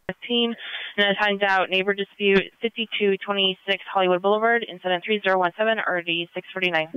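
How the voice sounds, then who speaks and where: Police dispatcher, really crisp quick voice, clipped procedural calls on a muffled scanner radio. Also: medium pitch, fairly even intonation, dry recording. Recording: band-limited police scanner radio audio.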